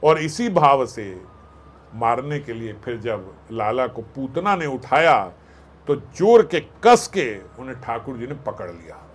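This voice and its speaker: A man telling a devotional katha as a sermon, animated, acting out voices and joking with listeners. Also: medium pitch, slow pace, breathy edge. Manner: animated, acts out voices and jokes with the audience. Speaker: katha storyteller.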